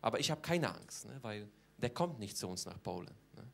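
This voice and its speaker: A man's voice: on the low side, sing-song, a little fast, creaky, slightly rough, heavily acted. A man doing stand-up as a cheeky, boastful Polish man with a Polish accent, speaking broken German and tagging almost every line with a question. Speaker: comedian in character. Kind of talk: stand-up comedy.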